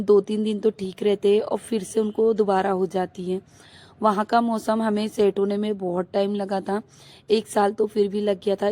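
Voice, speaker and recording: A young mother and housewife chats through a rooftop vlog while suffering from a cold that leaves her voice hoarse, thick, and husky. Her delivery is medium-pitched, flat, and even, with a mellow, dark quality. She wanders from topic to topic, padding her talk with lots of fillers.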